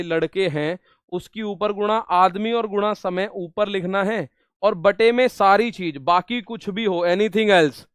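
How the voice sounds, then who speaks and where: A man's voice: high voice, clear, resonant tone, no echo, clean studio sound. A man teaching an exam-prep maths lesson, repeating each step and coaxing his students along. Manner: repetitive, coaxing, addresses students as brother.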